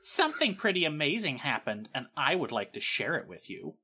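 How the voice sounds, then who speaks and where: A woman's voice: deep voice, very animated, brisk, bright, forceful tone, husky, heavily acted. A woman reading aloud as a swaggering British rock frontman in a put-on British accent, profane and indignant. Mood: ranting.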